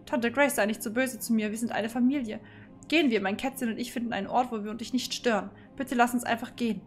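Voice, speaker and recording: A frightened young girl, confused and pleading, who asks one anxious question after another, as a woman reads her lines. The voice is somewhat high, and game music plays softly in the background. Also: fast talker, lightly acted.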